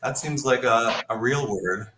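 A man's voice: mid-range voice, a little slow, pushed and bright, echoey room, slight background noise. A man commentating a Scrabble match, analytical and thinking aloud about each move. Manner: analytical, thinks aloud while reading the board. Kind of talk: live game commentary.

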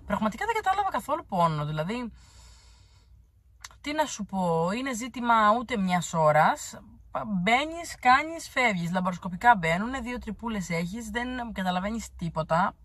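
A woman's voice: mid-range voice, big pitch swings, no echo. Blunt, teasing woman vlogger. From Crete, Greece. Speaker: vlogger answering viewer comments. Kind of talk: casual chat.

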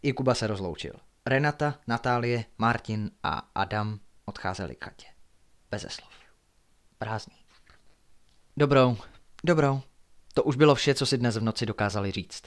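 A man reading his own horror story aloud in a hushed, suspenseful way, sometimes dropping to near-whispers. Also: lowish voice.

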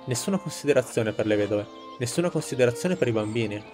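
An indignant peasant leader in a story game, read out by a man, addresses villagers in solemn, measured oratory. His pitch is average, and faint music plays behind him. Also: expressive, natural voice. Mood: solemn grievance. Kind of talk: game dialogue read aloud.

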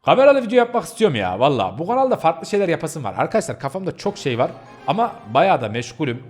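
A man's voice: a little high, big pitch swings, quick pace, faint music behind. A man hosting his gaming channel, chatting casually to viewers while he plays and bursting into yelps and laughter. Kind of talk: casual gameplay commentary.

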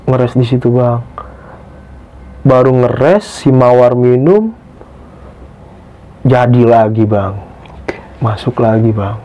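A young man tells a true ghost story from a hike as a guest in casual talk. He gets excitable and keeps addressing the host as "Bang". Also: slow pace, pauses often. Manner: excitable, pitch jumps when tense, keeps calling the host "Bang". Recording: dull lo-fi podcast recording.

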